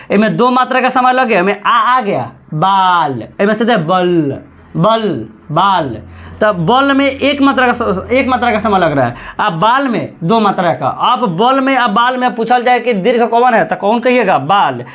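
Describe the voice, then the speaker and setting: A man teaching a grammar lesson, repeating words slowly and drawing out chanted examples. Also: high voice, fairly bright tone, dull audio.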